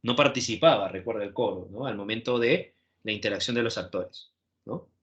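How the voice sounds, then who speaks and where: Slightly fast and fairly low in pitch, this male teacher delivers a lively classroom lecture on a lo-fi recording. He constantly checks comprehension by tacking tag questions onto his points.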